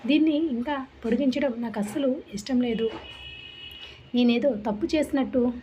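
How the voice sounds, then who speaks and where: Brief: woman doing a calm, defiant, arrogant young man, faint hiss behind. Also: sits high, lightly acted. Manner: slow, calm and unyielding.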